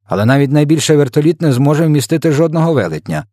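A man's voice: a little high, lively intonation, quick pace, dark tone, dry recording, clean studio sound, pitched above the performer's own voice. A man reading an audiobook, voicing a pompous, easily offended male air force commander. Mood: indignant. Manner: indignant, stiff, pompous. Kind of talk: storybook character voice.

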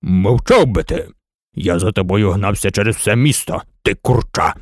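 A man voicing a sleepy, lazy lion who yawns and growls in a deep bass. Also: big pitch swings, darkish tone, no echo, clean studio sound, full character voice. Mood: angry. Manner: yawning, slow and drowsy, growling.

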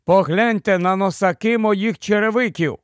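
A man reading the part of a sensible, quick-thinking boy in a storybook, speaking earnestly. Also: high-pitched, no room sound, clean studio sound, voice pushed up, natural voice.

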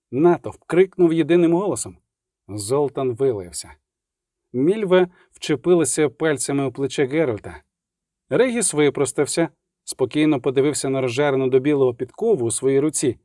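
A man reading an audiobook in steady, expressive scripted narration. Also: on the high side, dry recording, studio quality.

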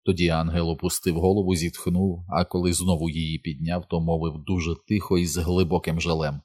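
A man narrating an audiobook in an even, unhurried storytelling manner. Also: sits low, breathy edge.

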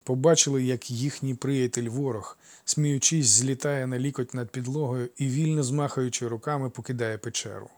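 Male audiobook narrator, measured and expressive. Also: medium pitch, dry recording.

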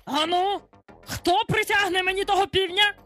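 A woman narrator voicing a menacing male pirate captain with an iron hook, who talks with cold, mock-gentle threat. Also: sits high, lively intonation, slow, soft background music, voice pushed up, full character voice. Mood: commanding.

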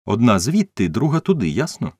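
A man voicing an agitated middle-aged garage worker, explaining in an excited, hurried way. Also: medium pitch, husky, no echo, studio quality, voice pushed up.

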